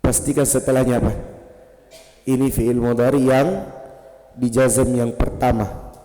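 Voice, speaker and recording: A man with an Indonesian accent teaching grammar in a mosque, slow and patient, quizzing his students with questions. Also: medium pitch, flat delivery, mellow. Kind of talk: classroom lesson. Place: mosque hall. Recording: reverberant mosque hall.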